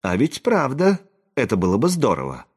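A man's voice: medium pitch, wildly swooping pitch, normal speed, breathy edge, pitched above the performer's own voice. A man reading an audiobook aloud, voicing a bossy young princess with a raised, commanding voice. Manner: commanding, brooks no objection.

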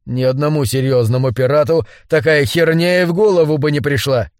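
A man voicing a gruff, weary male ex-smuggler who talks coarse, low and grumbling, in an audiobook. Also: a little fast, no room sound, clean studio sound, natural voice. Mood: scornful.

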